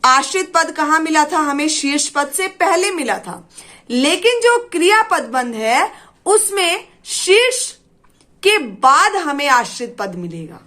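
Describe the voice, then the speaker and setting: A woman's voice: high-pitched, very animated, measured pace, bright, forceful tone. A woman teaching a grammar lesson to students. She asks questions, answers them herself, addresses the students fondly and keeps checking that they understood. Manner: keeps asking "clear?".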